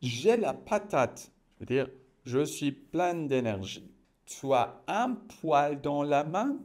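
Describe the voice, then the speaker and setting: A man teaching French expressions, saying each phrase slowly, repeating it, then explaining it in simple words. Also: fairly high pitch, very animated, a little mellow. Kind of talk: explaining idioms, slow and deliberate.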